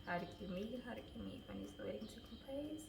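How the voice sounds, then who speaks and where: A woman's voice: medium pitch, wildly swooping pitch, fast. Woman, 20s, giggly, casual vlog Q&A, echoey room, faint background noise. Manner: giggly, stumbles over names. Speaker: vlogger answering viewer questions. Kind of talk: casual Q&A chat.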